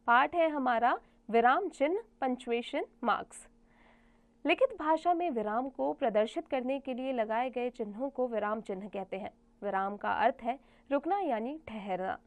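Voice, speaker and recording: A woman teacher explaining grammar to children, reading example sentences aloud in a clear, explanatory way. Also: fairly high pitch, lo-fi sound.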